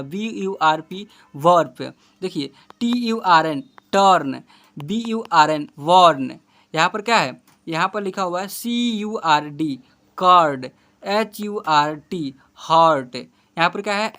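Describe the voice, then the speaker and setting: Man spelling words aloud in a lesson. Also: high-pitched. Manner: spells words letter by letter, then says them slowly; repetitive and self-correcting, addresses viewers warmly. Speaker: English pronunciation teacher. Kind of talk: informal video lesson.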